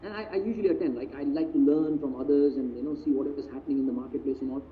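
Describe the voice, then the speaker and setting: Indian man, business mentor on a video call, lively storyteller, slightly high voice, tinny audio. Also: racing. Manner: animated, mixes in Hindi phrases, acts out quotes. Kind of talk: live online talk, storytelling. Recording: tinny phone-like audio, faint noise.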